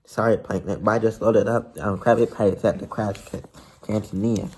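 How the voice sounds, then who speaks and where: A man's voice: on the low side, steady tone, moderate pace, a little mellow, slight background noise, lightly acted. A man voicing a cheerful, eager young male sea sponge with a friendly manner.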